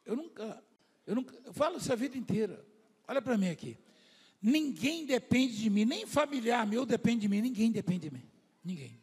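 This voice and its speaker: A man from Brazil preaching a sermon to his church, slow and emphatic at times, quiet in his asides, and acting out people's voices when he tells stories. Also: extremely high pitch, sing-song, husky. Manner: slow emphatic preaching, swinging from loud declarations to soft asides. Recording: long hall reverb.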